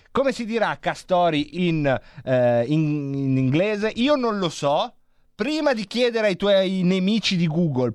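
Playful, rambling Italian radio host. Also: male voice, a little high, no echo, studio quality. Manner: playful, jokey, digressive. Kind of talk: comic rambling monologue.

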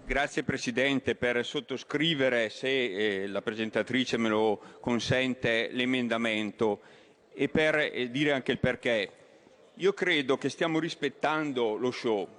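A man who is a member of parliament, giving a measured but indignant speech. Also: medium pitch, fairly bright tone.

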